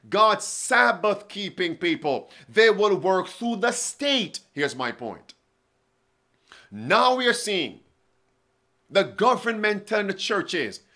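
A forceful, bright, high-pitched male voice belongs to a man in his forties preaching a prophecy sermon to camera. Seated at a studio desk before bookshelves, he reads out quotations and asks listeners pointed questions.

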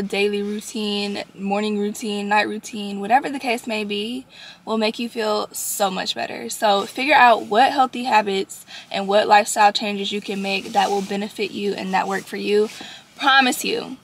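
Sleepy chatty woman vlogger, gravelly. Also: mid-range voice. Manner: talks straight to viewers, repeats phrases for emphasis. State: sleepy, just woke up. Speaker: vlogger and working mom. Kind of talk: casual chatty vlog. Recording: echoey room with faint noise.

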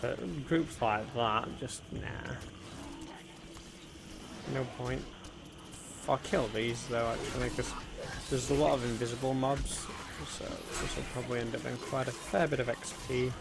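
A man's voice: mid-range voice, moderate pace, vocal fry. A man hosting a casual let's-play, chatting to viewers as he plays, with frequent ums. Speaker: gaming video host. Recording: noticeable background noise.

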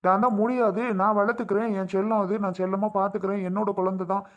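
A man plays a young husband and protective, hot-tempered father in a family drama skit, defiant and heated as he fires off repeated questions. His voice is high, quick and fairly flat, on a lo-fi recording.

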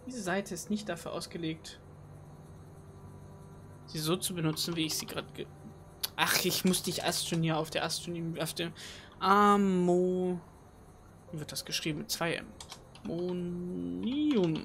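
A woman's voice: lowish voice, steady tone, moderate pace, long pauses, background noise. A woman commenting casually on her own gameplay at home, chatty and self-mocking, thinking aloud with many fillers. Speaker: let's play host. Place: home room at night. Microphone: desk microphone.

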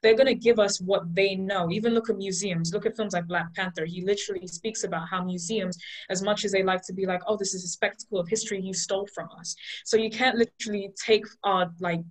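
A woman's voice: mid-range voice, steady tone, rough recording. Passionate young woman debating on a video call. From Liberia and Ghana. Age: young adult. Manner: passionate, fast-flowing argument with fillers. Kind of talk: online student debate speech.

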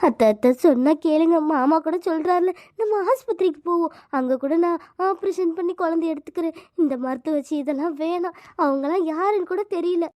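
A woman's voice: very high voice, brisk, a little mellow, no echo. A woman voicing a frightened young pregnant wife who begs her in-laws in a cartoon. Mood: pleading. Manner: pleading, tearful.

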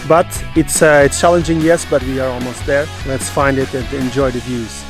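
A man's voice: mid-range voice, steady tone. Earnest mountain guide, man. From Madeira, Portugal. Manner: earnest, pauses and restarts while explaining, non-native phrasing. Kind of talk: casual outdoor explanation. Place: outdoors on a mountain trail. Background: guitar music.

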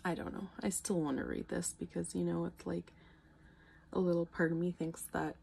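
Low gravelly-voiced woman vlogger. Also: flat delivery, moderate pace, slight background noise. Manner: talks quietly, rambling with frequent laughter. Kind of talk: casual late-night vlog.

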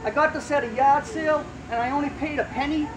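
A man's voice: very high-pitched, fairly even intonation, quick pace. A middle-aged man working as a kids party magician, projecting playful, teasing patter and questions to an audience of children. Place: outdoor backyard lawn at a party. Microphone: camera a few metres away. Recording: very noisy outdoor recording with crowd. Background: children and outdoor crowd noise.

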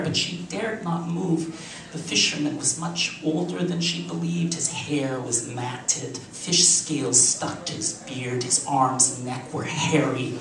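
A man reads a literary story aloud at a live cafe show, taking it at a very slow, measured pace with the odd stumble. His voice comes from a distance off the mic, carried by a roomy echo with faint background ambience behind it. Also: a little high, a bit bright, a little hiss or hum. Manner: measured, deliberate reading with occasional slips. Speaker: reader.

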